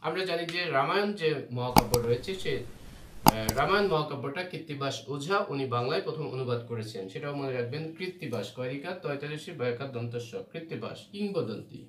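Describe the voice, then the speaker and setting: Brisk and fairly bright, this mid-range male voice delivers an exam-prep Bengali spelling lesson. He is patient in his explanations and frequently asks "ঠিক আছে?" to make sure students keep up. Recorded at a distance, the audio carries room echo and a faint hum.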